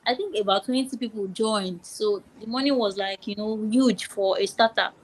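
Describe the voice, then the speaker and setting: On this podcast interview, the guest is a young adult woman from Nigeria whose accent is clearly Nigerian. She speaks at a normal speed and medium pitch, casually, often restarting and going back over her words, all captured in poor audio.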